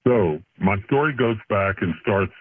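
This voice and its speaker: Brief: male caller disguised through a voice changer, low and tinny over the phone line, earnest storyteller who stumbles and restarts. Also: lively intonation, unhurried, no room sound. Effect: voice changer disguising his voice. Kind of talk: telling a spooky personal story on a radio show.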